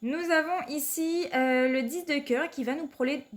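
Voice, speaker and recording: A card reader suffering from a cold speaks a little slowly in a high voice while presenting the week's cards to her viewers. Her speech is hesitant and full of fillers, with "tout simplement" recurring throughout.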